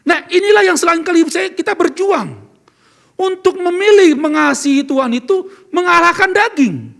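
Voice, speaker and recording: High-voiced gravelly man preaching. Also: normal speed, a bit bright. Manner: earnest, asks the congregation questions. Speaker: pastor. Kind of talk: sermon. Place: church service.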